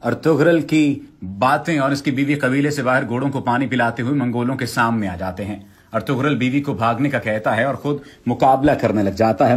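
A man narrating a summary of a TV drama in a measured, formal storytelling manner. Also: mid-range voice, darkish tone, husky. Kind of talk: read narration.

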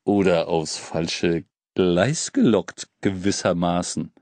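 A man's voice: low voice, takes it slowly, a little mellow, no echo, pitched below the performer's own voice. A man voicing a big, sly old hobo king in an audiobook, teasing and then urgent. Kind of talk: audiobook character voice.

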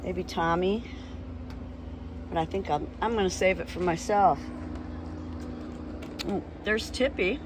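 A woman chats at an unhurried, easy pace while cooking on her outdoor deck, her voice sitting a bit low for a woman. She holds the phone herself and wanders into little asides. Faint outdoor sounds hang in the background. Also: noisy background. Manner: chatty, unhurried, rambling asides. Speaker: home cook filming herself. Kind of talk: casual cooking vlog. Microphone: phone held in hand.

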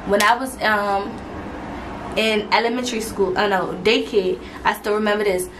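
A woman's voice: mid-range voice, flat delivery, moderate pace, noisy background. A young adult woman vlogging casually to camera, chatty and rambling, with fillers and restarts, a little out of breath.

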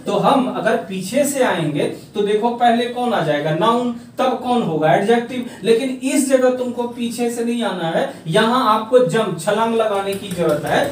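A man teaching English grammar in a slow, emphatic classroom manner, drawing out English words. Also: very high-pitched, slight background noise. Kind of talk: classroom lesson. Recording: echoey room, far from the mic.

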